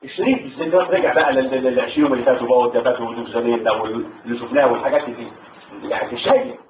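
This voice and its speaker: An older Egyptian man with an Egyptian Arabic accent, a war veteran telling his story to a salon audience in an animated, halting way. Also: slight background noise. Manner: animated, rising into high pitch when moved, halting restarts. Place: hall at a literary salon. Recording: tinny distant hall recording with echo.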